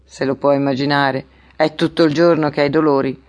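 Gruff burly tax collector, cracked voice, slow and grave, as a woman narrator puts him on. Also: on the high side, little pitch movement, lightly acted. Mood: weary. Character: tall gruff red-faced male tax collector.

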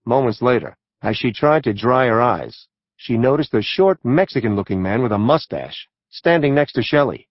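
Man, true-crime audiobook narration, measured, dull lo-fi sound, dry. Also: mid-range voice, lively intonation, no echo.

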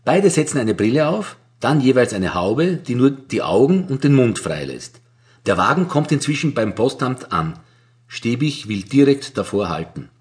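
A man's voice: mid-range voice, very animated, normal speed. A man with a Viennese accent reading a crime audiobook as narrator, in a wry storytelling manner. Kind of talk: scripted narration.

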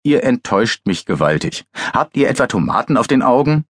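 A man's voice: mid-range voice, sing-song, fairly quick, slightly rough, no room sound, studio quality, voice pushed up. A man voicing a teasing, jovial male forensic pathologist who needles his grumpy friend in an audiobook. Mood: mocking glee. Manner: gleeful, needling, mock-exasperated.

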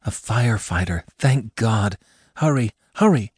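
A man's voice: fairly low pitch, animated, unhurried, darkish tone, husky, no room sound, studio quality. A male narrator voicing a panicked young woman stranded in a crashed car, pleading frantically for help. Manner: frantic, pleading, breathless cries.

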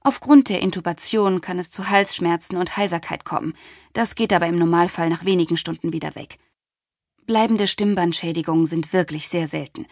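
A woman voicing a young female doctor briskly reeling off routine pre-surgery questions in an audiobook. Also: lowish voice, dry recording, studio quality. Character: flustered young female anaesthetist.

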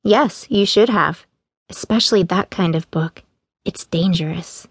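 Storybook bookshop owner, dry and stern, as a woman reads her, lowish, dry booth. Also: a little slow, breathy edge, dry recording. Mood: scolding. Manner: dry, scolding.

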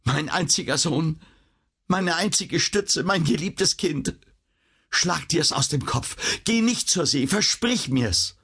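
A man's voice: on the high side, lively intonation, slow, creaky, a bit bright, breathy edge, pitched above the performer's own voice, heavily acted. A man voicing a worn-out mother of about forty who pleads with her son in fear, in a read-aloud storybook. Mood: pleading. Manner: pleading, frightened.

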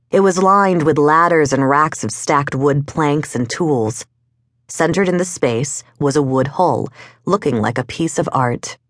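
A woman narrates a novel for an audiobook in a measured, wry way. Her voice sits low for a woman. The studio recording is close and completely dry. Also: no room sound. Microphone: studio microphone.

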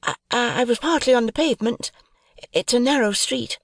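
A man's voice: very high voice, normal speed, vocal fry, no echo, studio quality, pitched above the performer's own voice, heavily acted. A man putting on a nervous young woman's voice. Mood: anxious. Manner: soft and apologetic. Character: young woman in her twenties, nervous and self-deprecating.

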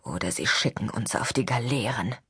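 A woman doing a grave low-voiced rabbi. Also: a little slow, fairly bright tone, husky, no echo, studio quality, heavily acted. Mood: stern. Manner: low, muttering, stern. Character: grave older male rabbi, stern father.

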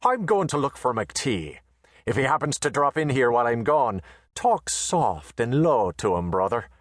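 A calm, dangerous frontier man, as a narrator puts him on, speaking softly with dry understatement. The voice stays low-key and close. The sound is dry with no room. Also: moderate pace, no room sound. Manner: soft-spoken, dry and understated. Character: calm, wry, dangerous male western chore boy.

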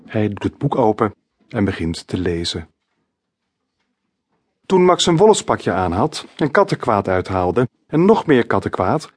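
Husky man reading a children's book. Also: fairly low pitch, big pitch swings, measured pace, pauses often, no echo. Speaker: author reading his own book. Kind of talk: scripted children's audiobook narration.

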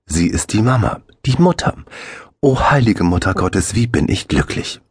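A man voicing an overjoyed, tousled new father who babbles excitedly. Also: on the low side, normal speed, husky, dry recording, pitched above the performer's own voice.

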